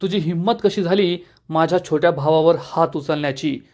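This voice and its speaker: A man's voice: on the high side, moderate pace, darkish tone, close to an everyday voice. A man voicing a stern elder brother who questions and confronts others.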